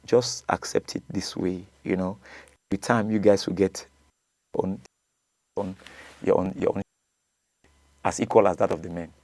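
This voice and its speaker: A man's voice: sits low, fairly even intonation, a little slow, long pauses, darkish tone, dry recording. A man with a Nigerian accent, a coach, arguing his point in a casual debate, repeating words and laughing often. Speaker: coach and show guest.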